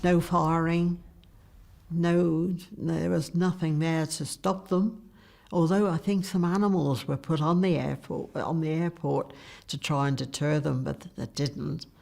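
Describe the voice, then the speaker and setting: A woman's voice: sits low, steady tone, measured pace, gravelly, darkish tone. An older woman from Guernsey recalling childhood memories in an interview, in a plain conversational way. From Guernsey, Channel Islands. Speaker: eyewitness interviewee. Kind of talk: recollection in an interview.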